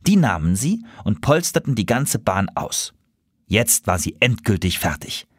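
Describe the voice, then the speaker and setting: A man with a low, somewhat husky voice reads a children's story aloud. His delivery swoops expressively up and down. The sound is dry and close. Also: sing-song, measured pace, no echo.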